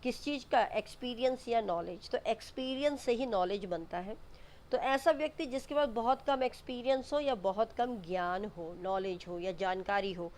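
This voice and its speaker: A woman's voice: fairly high pitch, moderate pace, a little mellow. A woman teaching English vocabulary for exams, explaining each word patiently, spelling terms out and repeating them. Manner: mixes Hindi explanations with English definitions. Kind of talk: exam vocabulary lesson.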